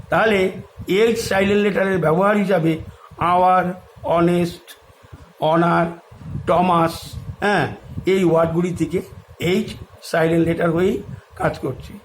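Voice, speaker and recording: A man teaches English spelling. He spells each word out letter by letter and then repeats it in a steady classroom manner. A faint hiss and a few clicks sit behind the voice. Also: sits high, poor audio. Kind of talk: spoken English lesson in Bengali.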